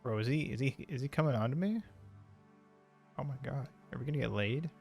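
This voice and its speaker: A man's voice: mid-range voice, brisk, vocal fry, a little mellow, faint music behind. A young man streaming a game, chatting casually with crude jokes. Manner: crude, joking, loose.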